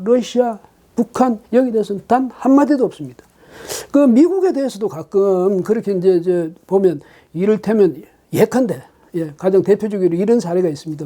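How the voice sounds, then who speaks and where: Very dark-voiced male political commentator. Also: high voice. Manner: emphatic, with frequent rhetorical questions and hesitant fillers. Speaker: political commentator hosting his own channel.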